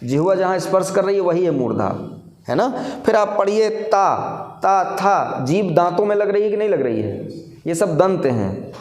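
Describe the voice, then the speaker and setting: A male teacher giving a classroom lecture, explaining step by step, asking questions and answering them himself, and sounding out syllables slowly. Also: high voice, very animated, a little mellow. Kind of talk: classroom lecture for exam students. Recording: echoey room.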